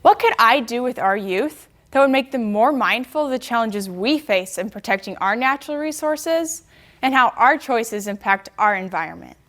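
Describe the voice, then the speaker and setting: A woman's voice: on the high side, lively intonation, normal speed, a bit bright. A young woman giving a prepared contest speech, with a stiff, rehearsed delivery that sounds memorized.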